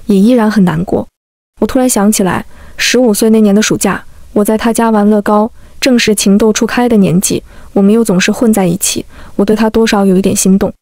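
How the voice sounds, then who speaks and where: A woman reading a first-person emotional story as scripted narration, in a calm, steady manner. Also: mid-range voice, no room sound, studio quality.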